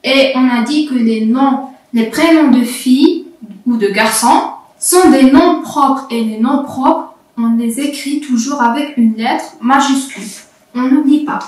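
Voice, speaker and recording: A woman's voice: sits high, measured pace, darkish tone, recorded from a distance. A woman teaching young pupils to read, patiently repeating and spelling out letters and syllables. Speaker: primary school French teacher. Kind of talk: slow classroom video lesson. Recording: echoey room, voice off-mic.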